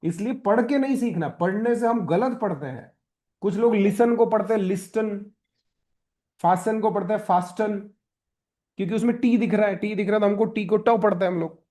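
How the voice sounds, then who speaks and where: Male teacher, high voice, classroom lecture, keeps quizzing students. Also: a little fast, dark tone. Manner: questioning, coaxing students. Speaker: spoken English teacher.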